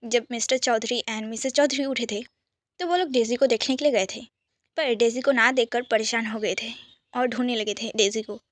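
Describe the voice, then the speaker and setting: A woman telling a romantic story in a soft, intimate whisper. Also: a little high, steady tone, moderate pace, no echo, studio quality.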